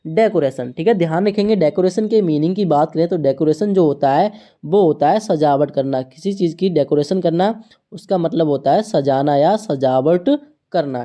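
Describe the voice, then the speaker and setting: A woman runs an online English lesson, her voice mellow and low-set. She spells each word out letter by letter and keeps checking in with the students. Her pace is slow and repetitive, the way a patient teacher drills beginners.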